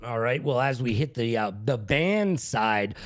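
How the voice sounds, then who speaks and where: A man's voice: mid-range voice, expressive, measured pace, no echo. A man doing showy, hyped-up color commentary on an esports match. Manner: hype-man showboating, shouts on big moments.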